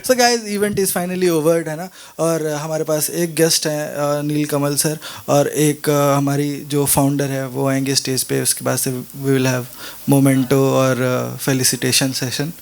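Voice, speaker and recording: A man's voice: on the high side, little pitch movement, takes it slowly, creaky. A man hosting an open mic event with a Hindi accent, joking with the audience and mixing in English. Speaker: event host. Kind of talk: casual stage hosting.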